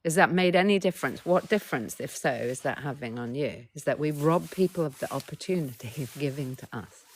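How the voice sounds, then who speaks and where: A woman's voice: low-pitched, expressive, a little fast, husky. A middle-aged woman coach hosting a casual live stream, talking bluntly, swearing freely, and keeps urging viewers to reply in the chat.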